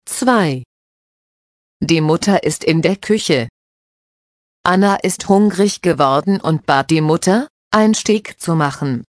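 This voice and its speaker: A woman reading a learner story and its comprehension questions in a measured, textbook manner, close to the microphone. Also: fairly low pitch, lively intonation, dry recording. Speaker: reader of a language-learning story. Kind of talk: slow scripted narration with comprehension questions.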